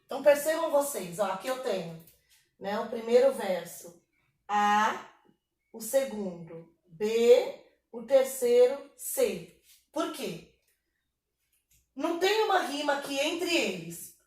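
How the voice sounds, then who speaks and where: A Brazilian woman teacher giving a recorded lesson, patient and explanatory, checking in with her students often. Her voice sits a little high. It carries a roomy echo and sounds slightly distant from the microphone. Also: animated, slow pace, pauses often, a little mellow. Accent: Brazilian Portuguese. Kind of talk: online class lesson.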